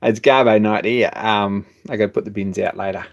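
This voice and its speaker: Gravelly and brisk, his lowish voice keeps a steady tone. He's chatting casually on his hobby machine shop live stream, wandering off with restarts and chuckling from time to time.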